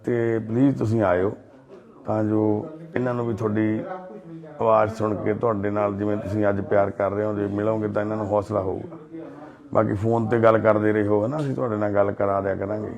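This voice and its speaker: A man speaks in a low, gravelly voice, gentle and reverent as he reassures an elderly couple. He is a charity volunteer making an on-the-spot appeal inside a family home. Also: flat delivery, normal speed, pauses often, a crowd in the background. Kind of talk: on-the-spot appeal and consoling talk.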